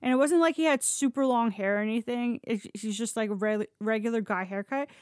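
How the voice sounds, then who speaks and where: A woman's voice: on the high side, brisk, darkish tone, no echo, studio quality. A woman telling stories in a casual, chatty podcast style, informal and blunt, with loose swearing. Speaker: podcast storyteller and host. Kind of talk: casual conversational storytelling.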